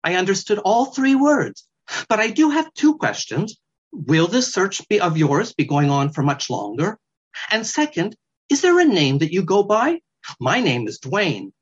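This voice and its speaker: A man voicing a gentle, polite male polar bear who speaks sincerely and earnestly. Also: high voice, sing-song, measured pace, breathy edge, dull audio, pitched above the performer's own voice, heavily acted.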